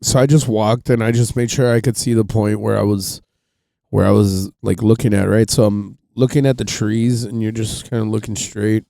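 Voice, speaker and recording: A man's voice: fairly low pitch, fairly even intonation, normal speed, vocal fry, mellow, no room sound, studio quality. A man telling a rambling, profane story on a casual podcast, full of fillers. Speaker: podcast host.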